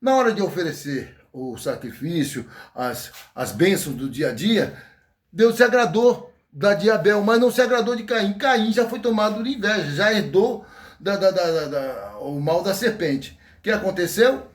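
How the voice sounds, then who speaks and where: Speaking with a Brazilian Portuguese accent, this man gives a folksy, joking informal sermon, acting out scenes as he goes. His voice sits high, is expressive and moves at a moderate pace, recorded in an echoey room.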